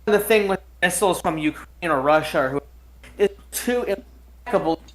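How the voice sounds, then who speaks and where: A man's voice: high-pitched, normal speed. A man co-hosting a casual group chat over a voice call, his microphone cutting in and out so his words arrive choppy and broken off. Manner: keeps trying to make his point through the dropouts. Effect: mic cutting in and out, choppy cut-off audio. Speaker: podcast co-host. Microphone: computer mic on a voice chat app. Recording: choppy, echoey voice-chat audio with faint noise.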